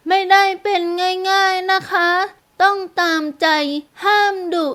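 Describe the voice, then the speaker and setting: ผู้หญิงพากย์เป็นเด็กหญิงตัวน้อยเสียงแหลมใส. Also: female voice, flat delivery, slow, fairly bright tone, exaggerated voice. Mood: pleading. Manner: high childlike voice, sing-song. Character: little girl, about four, sweet and pleading.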